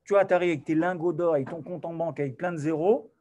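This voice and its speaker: A man giving an animated sermon to a class, swinging from loud to soft and acting out little dialogues. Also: fairly high pitch, fast talker. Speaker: rabbi teaching a class.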